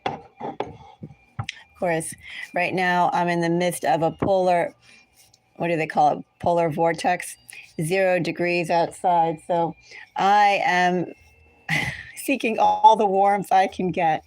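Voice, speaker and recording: This American-accented woman, a tarot reader hosting a livestream, chats casually and ramblingly with her viewers. Her voice is on the low side and a little mellow, with fairly even intonation, a slow pace and long pauses, captured in a dry recording.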